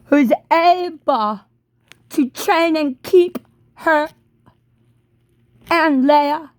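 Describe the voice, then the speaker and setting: A woman giving a rambling spoken monologue in disjointed, halting, drifting phrases. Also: high voice, no room sound.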